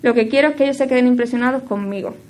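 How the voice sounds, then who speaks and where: A woman giving a devotional teaching in a reflective, halting way, with many fillers and self-corrections, her voice often trailing off quieter at the ends of phrases. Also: fairly high pitch. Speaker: speaker giving a devotional talk.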